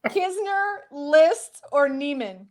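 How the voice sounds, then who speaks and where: Female host, higher pitch, brisk and steering, sports betting show. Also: lively intonation. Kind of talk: hosting a sports betting panel.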